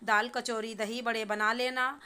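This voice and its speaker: A woman's voice: a little high, flat delivery, a little slow, bright, forceful tone, clear, resonant tone. A woman voicing a bossy middle-aged mother-in-law in a storybook reading, talking in a stern, lecturing way.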